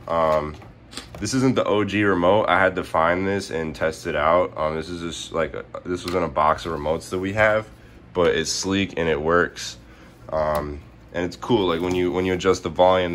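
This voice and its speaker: A man's voice: sits low, fairly bright tone. A hungover man giving a casual, off-the-cuff how-to at home in a laid-back, rambling, slangy way. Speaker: presenter of a home stereo tutorial. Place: indoors at home, behind the camera. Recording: noticeable background noise, handheld home video.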